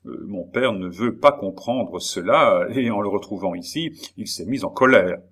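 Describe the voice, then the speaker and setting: A calm young noblewoman read by a man who stays cool and distant. The voice stays low and even, with no raised tone. It is a plain storybook reading. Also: normal speed. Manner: cool, composed. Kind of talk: audiobook character voice.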